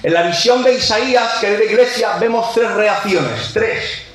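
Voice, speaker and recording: High-voiced man preaching in an echoing church. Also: moderate pace. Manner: impassioned, swings from shouts to low intense tones; repeats key phrases for emphasis. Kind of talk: sermon. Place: church sanctuary. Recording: very echoey church hall.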